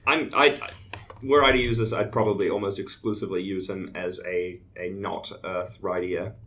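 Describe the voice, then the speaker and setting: A man's voice: low-pitched, fairly even intonation, normal speed, a bit bright. A man co-hosting a casual gaming podcast, joking and reading card text aloud. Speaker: podcast co-host. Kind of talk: casual chat about card games.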